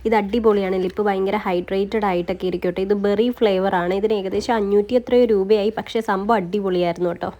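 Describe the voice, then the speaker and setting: A woman's voice: mid-range voice, fairly even intonation, fast, few pauses, mellow, lo-fi sound. A woman vlogging about her day in a chatty, casual way, often tagging friendly asides onto her sentences. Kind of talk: casual daily-life vlog narration.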